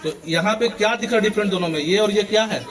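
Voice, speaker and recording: High-pitched and fairly bright, a male schoolteacher talks fast as he runs a morning assembly lesson. He quizzes students for chorus responses, with the children's crowd audible in the background.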